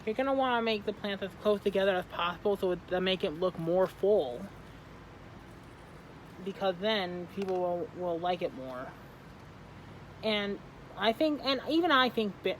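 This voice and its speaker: Halting eighteen-year-old how-to vlogger. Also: mid-range voice, a little hiss or hum, low-quality recording. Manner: halting, self-correcting, trailing off. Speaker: plant arrangement seller and video host. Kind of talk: casual how-to vlog.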